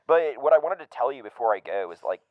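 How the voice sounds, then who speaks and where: A man's voice: medium pitch, very animated, quick pace, no room sound, phone-quality sound, close to an everyday voice. A man playing a laid-back rich surfer-bro caller who drawls with lots of "dude" and "like". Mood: breezy boastful. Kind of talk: comedic prank call bit.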